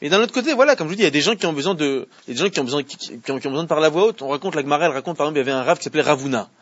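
A man leads a religious class in an animated, questioning way, now and then chanting Hebrew verses slowly. His voice is high and husky and swings widely. The recording is dry and a little dull. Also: dry recording. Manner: animated, explains by asking questions. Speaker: religious teacher. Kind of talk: Torah class with students.

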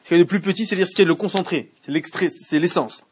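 Speaking very fast with a voice that sits high, a man teaches students a Torah class in French with Hebrew readings. He repeats himself and asks questions often, and the muffled lo-fi classroom recording carries a slight hiss or hum.

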